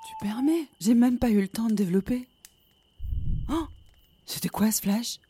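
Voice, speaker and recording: A woman's voice: on the high side, animated, moderate pace, mellow, breathy edge. An actress playing a bored young woman who grumbles and tells a story. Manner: grumbling, then whispering the story.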